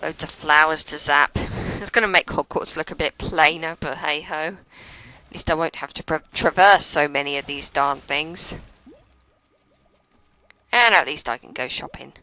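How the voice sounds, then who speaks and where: Low-voiced woman narrating gameplay. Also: a little slow, pushed and bright, dry recording, rough recording. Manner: stumbles over words, self-deprecating. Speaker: let's play commentator. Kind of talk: casual gameplay commentary.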